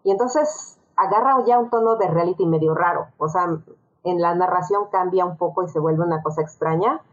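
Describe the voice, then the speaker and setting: A woman talks through a recommendation on a podcast, pausing often and picking her words with many fillers. Her voice sits low. The recording sounds dull and lo-fi. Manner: thoughtful, halting, many fillers. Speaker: podcast guest. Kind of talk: casual chat.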